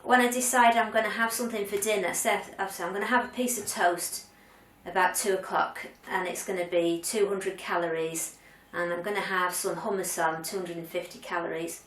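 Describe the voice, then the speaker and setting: A candid, chatty woman in her later years talks to her viewers in a relaxed vlog style, pausing on ums and restarting her sentences. Her voice sits at a middle pitch. It is heard from a little way off the mic in a roomy, echoing space. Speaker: vlogger. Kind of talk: casual chat to camera. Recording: roomy sound, mic at a distance.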